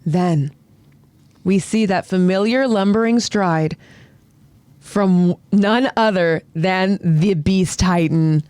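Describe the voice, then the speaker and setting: A man's voice: high voice, slow pace, a little mellow, clear, resonant tone, dry recording. A man narrates and co-hosts in a close, dry sound. He shifts between dramatic scripted storytelling and casual, chatty talk. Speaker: narrator and co-host.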